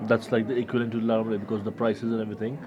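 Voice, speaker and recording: A man from India, co-hosting a walking tour and making quick, joking remarks. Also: fairly low pitch, little pitch movement, darkish tone, dull audio. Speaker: podcast co-host. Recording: crowd noise in the background.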